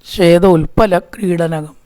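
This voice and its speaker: A man giving a scripture discourse. He intones each Sanskrit verse slowly and deliberately, then drops into an easy, talkative way of explaining its meaning. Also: sits high, dark tone. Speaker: scripture teacher.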